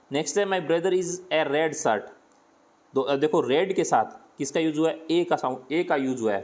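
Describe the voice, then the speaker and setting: Teacher voice: man with a Hindi accent, slightly high-pitched, patient step-by-step grammar explanation. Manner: explains step by step, asks and answers his own questions. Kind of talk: grammar lesson.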